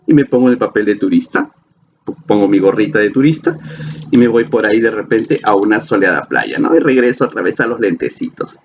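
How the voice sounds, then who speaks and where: A man's voice: on the low side, animated, fairly quick, slight background noise. Male teacher from Peru, playful, quizzes the class and answers himself; slightly muffled recording. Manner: playful, asks questions and answers them himself. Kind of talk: classroom lecture video. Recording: slightly dull lo-fi sound with faint ambience.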